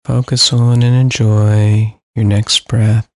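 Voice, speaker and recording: A man leads a guided sleep meditation in a low, gravelly voice. He speaks slowly, evenly and soothingly, with long pauses between phrases. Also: level tone, dry recording, studio quality.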